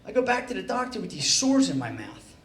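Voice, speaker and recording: A man's voice: high-pitched, huge pitch swings, a little fast. A middle-aged man doing a stand-up routine, telling a story in a profane, exasperated way. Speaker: stand-up comedian. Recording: echoey, noisy room recording.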